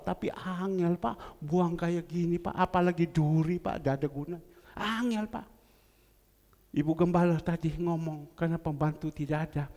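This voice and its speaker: A man, a pastor telling stories in a sermon and swinging from loud to hushed. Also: a little high, gravelly. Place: large church. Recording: echoey church hall.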